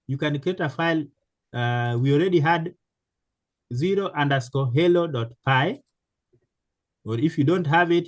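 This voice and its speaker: Slow, halting man teaching a class. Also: medium pitch, dry recording. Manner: slow, halting, many fillers and restarts. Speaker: programming teacher. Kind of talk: live online class instruction.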